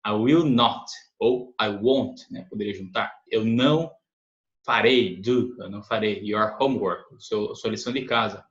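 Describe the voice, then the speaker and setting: A man with a Brazilian Portuguese accent, teaching an English lesson, patiently explaining sentences, often adding "né?", reading examples slowly. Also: fairly low pitch. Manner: patient explanations, frequent "né?" tag questions. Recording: echoey room, dull lo-fi sound.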